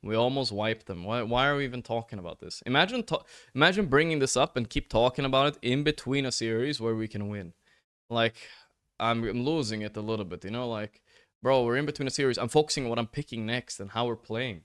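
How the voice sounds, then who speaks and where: Frustrated man, casual stream chat, loud close mic, steady middle voice. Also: medium pitch, quick pace, clean tone. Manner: frustrated, repeats "like, bro", swears freely. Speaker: streamer reviewing a match recording. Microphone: headset or desk mic, turned up high.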